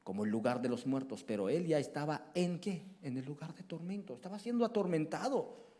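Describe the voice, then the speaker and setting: A male evangelist preaching a sermon with passion, dropping to hushed murmurs and then rising to loud cries, often putting questions to the congregation. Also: a little high, expressive, fairly quick.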